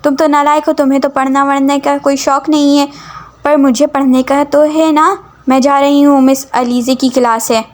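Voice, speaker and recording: Woman voices irritable studious female student, high-pitched, scolding. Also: little pitch movement, normal speed, lightly acted. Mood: irritated. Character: studious young female university student, easily annoyed.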